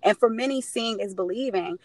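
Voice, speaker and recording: A woman speaks as a guest in a casual podcast interview. Her voice sits at an average pitch, and she tells her points confidently and emphatically. The sound is dry and close. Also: fairly quick, darkish tone, no echo. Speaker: guest, real estate investor.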